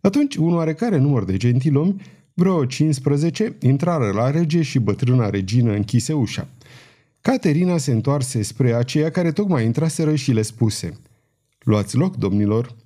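Guy reading an audiobook, mellow tone, expressive storytelling. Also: fairly high pitch. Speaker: audiobook reader. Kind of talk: scripted narration.

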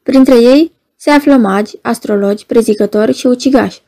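A woman reading the lines of a stern, ailing Roman procurator, speaking quietly in a flat monotone without raising her voice. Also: on the high side, close to an everyday voice. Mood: cold. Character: cold ailing Roman procurator, stern middle-aged man.

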